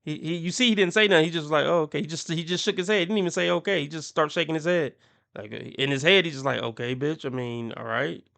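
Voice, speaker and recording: A man's voice: fairly high pitch, quick pace, vocal fry, fairly bright tone. A man hosting a reaction commentary, talking with a mocking tone, often laughing and putting on voices to quote people. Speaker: commentary channel host.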